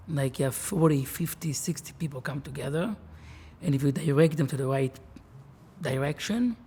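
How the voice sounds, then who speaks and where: A man's voice: fairly high pitch, darkish tone, husky. A man, a rabbi talking earnestly and reflectively in an interview. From Israel. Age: 40s. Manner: earnest, measured, with restarts.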